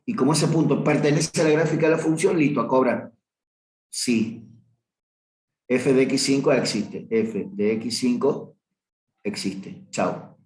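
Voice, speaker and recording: A man's voice: medium pitch, a little slow, a little mellow. A man teaches a math review class in a plain middle register. He talks his way through a graph and keeps stopping to correct himself. His voice rings in a roomy, echoey space. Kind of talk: review class lecture on limits. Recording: roomy echo.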